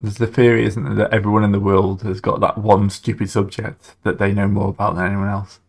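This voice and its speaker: A man running a tabletop role-playing game, talking in a relaxed, hesitant way. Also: fairly low pitch, a little fast, creaky. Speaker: game master.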